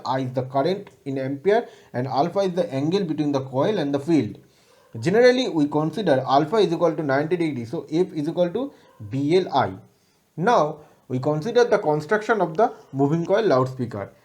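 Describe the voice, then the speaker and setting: A lecturer with an Indian accent delivers a formal, scripted electronics lesson, reciting it like a textbook. His voice is fairly high with a darkish tone, and the piece is a scripted educational presentation.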